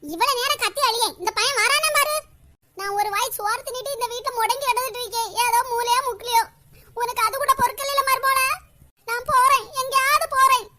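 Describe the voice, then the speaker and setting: A very high, shrill cartoon mother-in-law, played by a performer who wails and plays the martyr in a Kanyakumari Tamil accent. Her voice is bright and piercing, and she is endlessly self-pitying and dramatic. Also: fairly quick. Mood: wailing. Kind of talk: cartoon voice acting.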